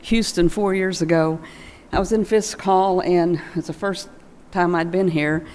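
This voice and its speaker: Speaking at a memorial gathering in a large church, an older woman shares informal, folksy anecdotes as a friend's remembrance. She has a lowish, darkish voice with fairly even intonation and an unhurried pace, and the hall adds a long echo.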